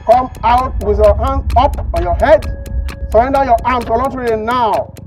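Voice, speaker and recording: A man playing a police officer who calls through a megaphone for robbers to surrender, in a loud, commanding announcement. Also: very high voice, moderate pace, over music.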